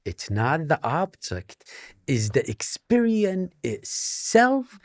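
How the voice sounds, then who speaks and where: Brief: male panelist, slow and halting, lively pitch, dry close sound. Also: no room sound. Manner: halting, with many fillers and repeated words. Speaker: debate panelist, artist. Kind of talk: panel debate.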